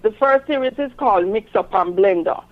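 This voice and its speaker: A woman's voice: medium pitch, animated, moderate pace, narrow, tinny audio. A woman talking conversationally as an interview guest about her own work. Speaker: interview guest, self-published author.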